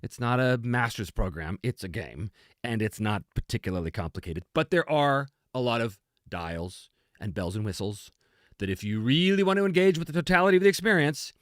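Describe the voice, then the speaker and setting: A man's voice: medium pitch, lively intonation, a little fast, no echo, studio quality. A man hosting a casual talk on tabletop gaming and answering questions in an emphatic, conversational, self-deprecating way. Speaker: host, game designer and game master.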